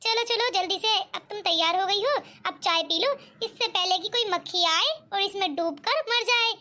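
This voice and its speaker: A woman's voice: very high voice, moderate pace, bright, forceful tone. A woman voicing a kindly, helpful elder sister-in-law in a cartoon, talking in a reassuring and teasing way. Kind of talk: cartoon voice acting.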